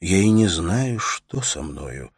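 Brief: dazed feverish young man, faint and breathless, a male reader's low voice. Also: big pitch swings, slow pace, slightly rough, no echo, clean studio sound, exaggerated voice.

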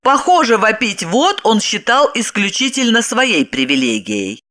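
A woman narrating an audiobook in an expressive, lively reading. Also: medium pitch, normal speed.

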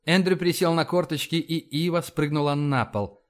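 A man narrating an audiobook in a lively storytelling manner. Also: a little high, moderate pace.

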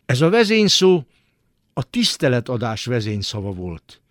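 A man reading a literary story aloud for radio in a radio studio, with dramatic, expressive delivery. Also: medium pitch, no echo. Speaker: narrator.

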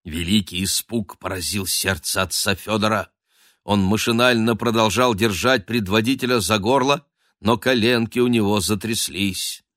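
A man narrating an audiobook in an expressive, dramatic storytelling manner. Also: lowish voice, moderate pace, dry recording, studio quality. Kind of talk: scripted narration.

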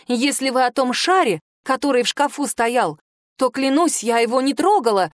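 A woman's voice: high voice, animated, normal speed, dry recording, clean studio sound. A woman voicing a young heroine who pleads in a strained, breaking voice in an audiobook. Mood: pleading. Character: young woman heroine, frightened but defiant.

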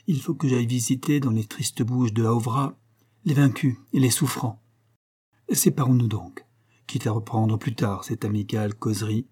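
Brief: man reading as a mysterious old sage, gentle and knowing, mellow husky tone. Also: medium pitch, natural voice. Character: calm, mysterious older Indian sage.

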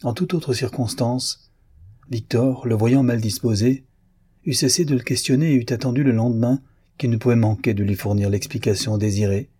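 A man narrates a classic novel as an audiobook, telling the story in a measured, even manner. His voice is medium in pitch with a breathy edge.

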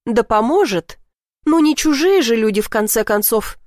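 A woman voicing a tired, gentle middle-aged mother who answers softly and evasively. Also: a little high, lively intonation, moderate pace, no room sound, studio quality, close to an everyday voice. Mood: pleading. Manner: soft, pleading, evasive.

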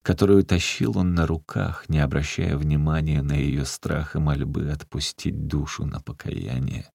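A man narrates a literary story in a measured, unhurried way. His voice is very deep and gravelly. The recording is dry and close. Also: steady tone, darkish tone, no echo. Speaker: audiobook narrator.

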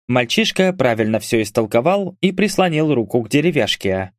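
A man narrating an audiobook in a steady storytelling manner. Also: mid-range voice, moderate pace, no room sound, studio quality.

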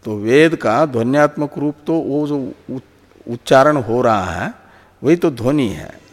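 A man teaching philosophy in a slow, patient lecture, often repeating words and restarting phrases as he explains. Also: mid-range voice, lively intonation. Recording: long hall reverb.

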